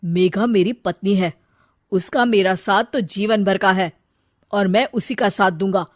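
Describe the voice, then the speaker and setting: A woman's voice: mid-range voice, a little slow, no echo, clean studio sound, natural voice. A woman voicing a blunt young married son in a cartoon, speaking firmly and matter-of-factly. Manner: firm, matter-of-fact. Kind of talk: cartoon voice acting.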